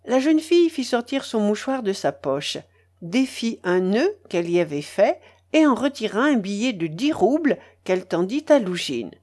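A woman narrating a classic novel as an audiobook in an expressive, theatrical way. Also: medium pitch, normal speed. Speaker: audiobook reader.

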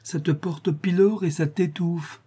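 A man voicing an excitable, doting old woman concierge who fusses in a shrill, fretful voice. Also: a little slow, breathy edge. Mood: coaxing. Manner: shrill, fretful, fussing endearments.

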